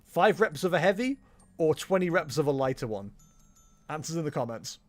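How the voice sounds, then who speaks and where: Animated man streaming a game. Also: on the high side, moderate pace. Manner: jokey, rambling. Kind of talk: casual chat and game commentary.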